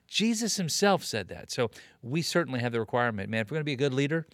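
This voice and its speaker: A man in his late fifties speaks with a pastor's earnest, emphatic cadence and leans on repetition to drive his points home. His voice sits at an ordinary pitch. It is recorded close and dry, with no room sound. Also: very animated, fast, a bit bright, dry recording. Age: 50s. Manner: earnest preacherly, emphatic repetition, frequent "you know" and "man". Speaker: pastor and guest. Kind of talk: conversational interview on ministry leadership.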